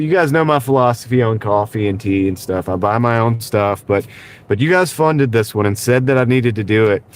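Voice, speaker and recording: This man hosts a livestream from his car at night, talking casually and rambling while he reads viewer chat aloud and chuckles often. His slightly rough voice is on the low side and sounds nasal from congestion. He wears a wireless clip-on mic.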